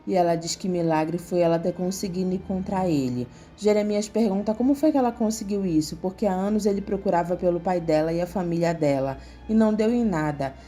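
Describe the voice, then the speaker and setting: A woman with a Brazilian Portuguese accent narrating a soap opera recap in a steady, even reading. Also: on the low side, fairly quick, hardly any pauses, slight background noise. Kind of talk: scripted narration. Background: faint music.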